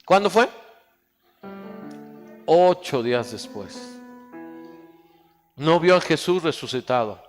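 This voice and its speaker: A man preaching a sermon in a high voice, leading the congregation in call-and-response. His words ring out through a large church hall with a long echo. Soft instrumental music plays faintly underneath. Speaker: pastor.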